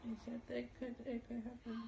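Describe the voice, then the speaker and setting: A woman's voice: on the high side, monotone, fairly quick, gravelly, warm tone. A young woman, groggy and loopy from anesthesia, rambling casually with her speech muffled by gauze in her mouth. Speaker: patient recovering from wisdom teeth removal. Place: small bedroom, indoors. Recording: muffled phone video with noticeable noise.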